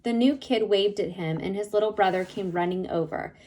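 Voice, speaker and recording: A woman reading a novel chapter aloud in steady storytelling narration. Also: medium pitch, brisk, low-quality recording. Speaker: reader.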